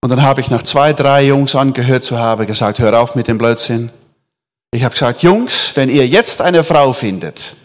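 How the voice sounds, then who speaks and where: A man preaching a sermon to a congregation, animated, swinging between loud emphatic lines and soft near-whispers. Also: mid-range voice, moderate pace.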